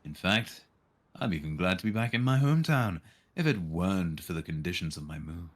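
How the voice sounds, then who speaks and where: Deep-voiced and a little fast, with lively intonation, a man reads a visual novel aloud on a live stream. Along the way he drops casual, dry, irreverent jokes.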